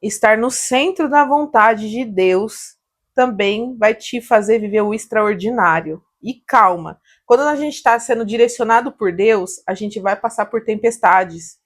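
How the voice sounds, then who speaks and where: A young Brazilian woman, a salon owner, telling animated stories on a casual podcast, laughing often and acting out what people said. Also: on the high side, a little slow. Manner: animated storytelling, laughs often, acts out quotes.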